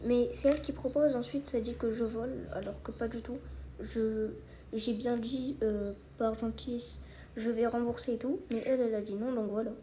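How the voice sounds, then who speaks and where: Casting: youngster for casual creator commentary, soft dark tone, hesitant informal delivery, slightly noisy recording. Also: medium pitch, fairly even intonation, normal speed. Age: child or young teenager. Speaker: video creator addressing subscribers. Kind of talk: casual spoken commentary to subscribers.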